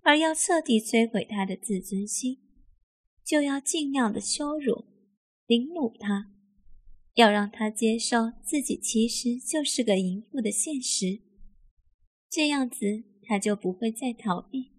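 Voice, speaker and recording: A woman with a fairly high voice reads an erotic story aloud. Her pace is slow and unhurried, and she keeps an even, steady reading tone throughout. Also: breathy edge. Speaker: narrator. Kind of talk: scripted erotic story narration.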